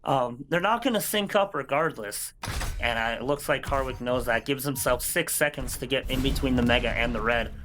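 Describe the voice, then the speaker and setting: A man doing live esports play-by-play commentary, mixing punchy, excitable calls with analysis. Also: mid-range voice, moderate pace, noisy background.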